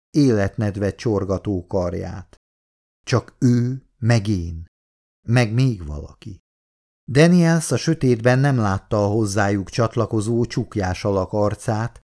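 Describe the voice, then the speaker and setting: A man narrating an audiobook in a steady, measured reading voice. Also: lowish voice. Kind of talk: scripted narration.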